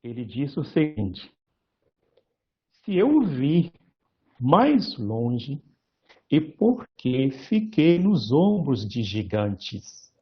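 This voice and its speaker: A male priest giving a lecture-style sermon, slow and measured, pausing often and correcting himself mid-word. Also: mid-range voice, very animated, dull audio.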